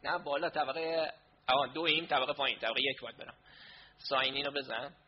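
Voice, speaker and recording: A man's voice: mid-range voice, fairly even intonation, dull audio, slight background noise. Flustered man fixing tech mid-session. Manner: flustered, sorting out tech problems aloud. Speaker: online class presenter. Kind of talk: casual talk during a live online session.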